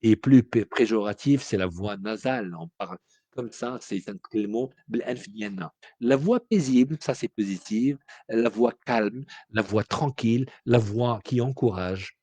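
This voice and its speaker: A man's voice: medium pitch, unhurried, mellow, no echo. A man from Morocco, giving a spoken lecture as a teacher in an explanatory way with frequent hesitations.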